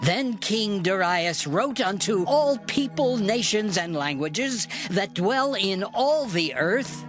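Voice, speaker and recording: A male narrator reads scripture for an audio drama with solemn, measured phrasing. His pitch moves a great deal, and music plays clearly underneath. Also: expressive.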